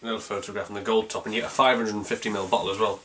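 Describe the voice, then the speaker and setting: Talking very fast in a flat delivery, a North Yorkshire man works through a casual video review of his homemade beer, friendly and rambling, stumbling through fillers and restarts. A touch low but bright and forceful, his voice comes with a slight hiss or hum in the recording.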